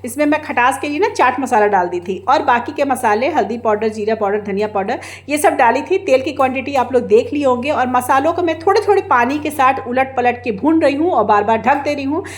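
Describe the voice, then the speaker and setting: A woman narrating her vlog as a voice-over, talking loudly and emphatically in a way that can sound like scolding, recorded without an external mic. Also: sits high, expressive, fairly quick, hardly any pauses. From India. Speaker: vlogger and housewife.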